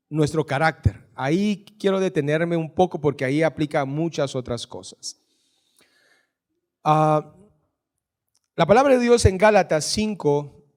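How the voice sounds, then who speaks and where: A male pastor with a Guatemalan Spanish accent preaches in a church. His voice sits high, and he takes his time, drawing out each item of a scripture list and teasing the congregation in between. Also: a little mellow. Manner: reads scripture lists slowly, jokes with the congregation. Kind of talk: sermon. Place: church hall.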